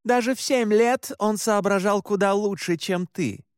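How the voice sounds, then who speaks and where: Reading an audiobook, a man pitches his voice above his natural register to play a stern, furious middle-aged mother barking harsh orders. The delivery is high-pitched, harsh and commanding, with lively intonation at a moderate pace. It's studio-quality audio with no room sound.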